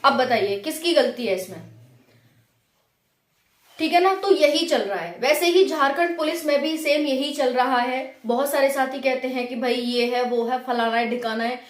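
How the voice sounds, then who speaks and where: A woman speaks at normal speed in a high-pitched voice, hosting an informal explainer on her government exam news channel. She keeps it conversational and checks in with viewers through rhetorical questions, in a roomy-sounding space.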